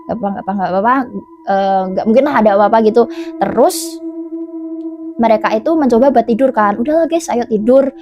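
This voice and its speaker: A woman's voice: fairly high pitch, a little mellow, a little hiss or hum. Chatty young woman telling a spooky tale. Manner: chatty, many fillers and self-corrections. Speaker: storyteller. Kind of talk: casual horror storytelling.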